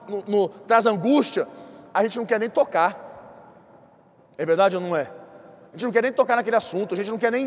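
A man preaching a sermon as a bishop, with a Brazilian accent and an impassioned, repetitive style that rushes ahead and then slows for emphasis. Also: extremely high pitch. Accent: Brazilian Portuguese. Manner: impassioned, repetitive preaching with quick bursts and slow emphatic drops. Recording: church hall with long reverb.

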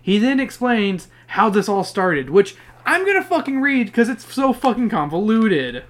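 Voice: mid-range voice, big pitch swings, normal speed. A podcast co-host reading a kids' book aloud and chatting, swearing casually and correcting themself mid-sentence.

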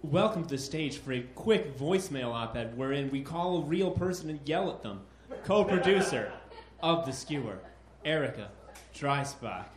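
A man's voice: a little high, expressive, moderate pace, very noisy. A man hosting a live comedy show, introducing acts with upbeat, joking patter. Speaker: host. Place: stage in an echoey venue. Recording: echoey live venue.

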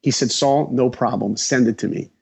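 A man from New York, a guest animator, telling his story with lively acted-out dialogue. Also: medium pitch, normal speed, vocal fry, husky.

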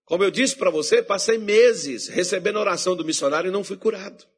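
A male pastor delivering a sermon in a fairly high, husky voice. He builds his points into emphatic, rising exhortations aimed at the congregation. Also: quick pace.

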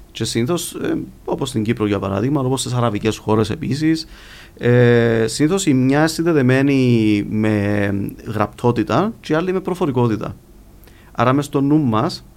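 A man with a Cypriot Greek accent talking conversationally as a guest linguist in an interview, explaining things with examples. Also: medium pitch. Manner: explanatory, illustrates points with examples.

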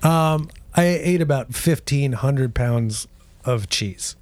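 A man co-hosting a comedy podcast, rambling and halting through deadpan absurd riffs. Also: mid-range voice, no room sound. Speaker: podcast co-host. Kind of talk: comedic banter.

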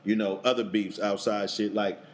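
A man hosting a casual interview, talking in a loose, slangy way and giving lots of quick affirmations. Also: lowish voice, steady tone, slight background noise. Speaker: podcast host.

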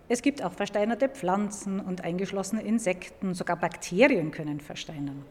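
A museum paleontologist explains science clearly and didactically, repeating points for emphasis, in a large, echoing indoor museum hall. Her voice is medium-pitched and a little mellow, and the reverberant recording includes background noise.

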